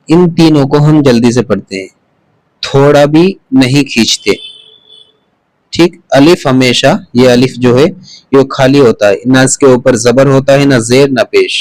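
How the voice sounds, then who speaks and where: Patient man teaching slow recitation. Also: medium pitch, a little mellow, dry recording, low-quality recording. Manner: patient, drawn-out syllables for learners. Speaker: Quran reading teacher. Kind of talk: slow spelled-out recitation lesson.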